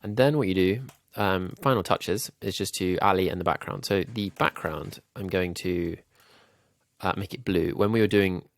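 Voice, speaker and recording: A man with a low, gravelly voice, sounding nasal and slightly ill. He thinks aloud in an easygoing way, full of little ums, as he walks viewers through a design tutorial. The recording is dry and close to the mic. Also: normal speed, no room sound. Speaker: YouTube growth coach.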